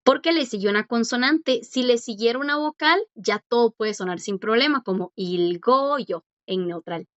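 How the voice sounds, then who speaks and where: A woman's voice: on the high side, moderate pace, few pauses, a bit bright, dry recording. A woman teaching a language class, patient and encouraging as she quizzes students and praises their answers. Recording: dull lo-fi dry audio.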